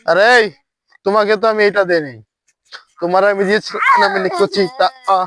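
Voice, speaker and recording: A man's voice: sits high, very animated, fairly quick, fairly bright tone. Bossy scolding man as teacher. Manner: scolding, bossy, threatens punishment. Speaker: dance teacher in a skit. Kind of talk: comedy skit.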